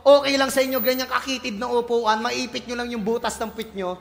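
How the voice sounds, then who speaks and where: A male pastor from the Philippines, preaching a lively sermon full of jokes and playful voices. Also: very high-pitched, brisk, gravelly. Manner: animated, joking, playful voices and shouts, mixes English in. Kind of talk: lively sermon with comic asides. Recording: church hall reverb.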